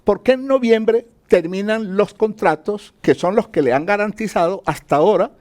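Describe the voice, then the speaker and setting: High in register and a little mellow, this man from Colombia speaks at an ordinary pace. Interviewed as an economist, he explains things didactically, listing his points and supplying answers to his own questions.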